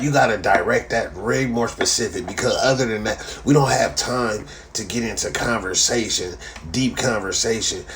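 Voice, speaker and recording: A live-stream host with a lowish, slightly bright voice reads chat comments and rants casually at his viewers, swearing heavily and tacking the same slang tag onto the end of his lines. There's slight background noise.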